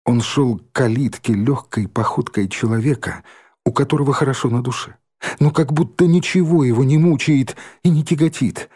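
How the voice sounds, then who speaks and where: A man reading a first-person story aloud in an expressive, measured way. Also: mid-range voice, slightly rough. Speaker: audiobook reader.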